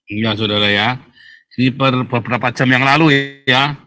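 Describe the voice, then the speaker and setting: A man's voice: medium pitch, fairly even intonation, normal speed, sharp tone. A man hosting a casual monologue, talking emphatically to his audience, tagging lines with a repeated address and laughing at his own remarks. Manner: repeats "saudara ya" constantly, chatty and emphatic. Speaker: host.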